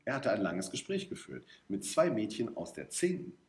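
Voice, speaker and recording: A man reading a story aloud as narrator, in a lively, expressive way. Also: fairly low pitch, moderate pace. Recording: roomy echo.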